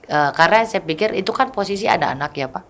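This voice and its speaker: A woman's voice: fairly low pitch, expressive, quick pace, a little hiss or hum. A woman in her thirties, a mother giving an interview, telling her story candidly and often acting out what other people said to her. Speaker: mother of a child with a rare condition, interview guest. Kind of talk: casual interview talk.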